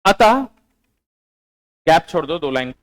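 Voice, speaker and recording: A male teacher, giving a classroom lecture. He dictates notes slowly and repeats them, then quizzes his online students. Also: a little high, sing-song. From Bihar, India.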